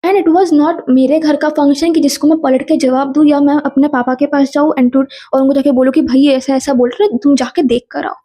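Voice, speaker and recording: A young woman telling a personal story in a lively casual vlog, mixing Hindi and English. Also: high-pitched, brisk, few pauses. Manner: animated, mixes Hindi and English, quotes people in dialogue.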